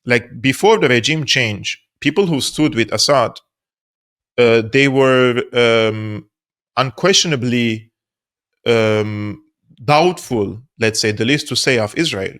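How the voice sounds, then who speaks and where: A man's voice: mid-range voice, slow pace, fairly bright tone. A man from Syria, a guest analyst in an interview, explaining at length in an earnest, emphatic way and repeating points for stress. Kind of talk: interview answers.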